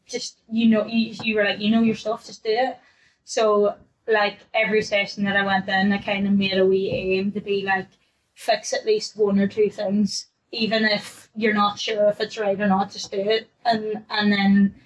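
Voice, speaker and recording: A woman's voice: mid-range voice, monotone, normal speed, highs cut off. A young adult woman, a newly qualified fitness coach, chatting casually on a podcast, laughing often and acting out her past self.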